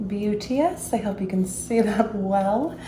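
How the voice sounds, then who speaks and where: A woman in her twenties with a medium-pitched voice talks slowly and casually to the camera while cooking in her home kitchen, the sound roomy with background noise. She's a bubbly vlogger who keeps saying "you guys" and "like." It's recorded on a camera mic first, then a phone.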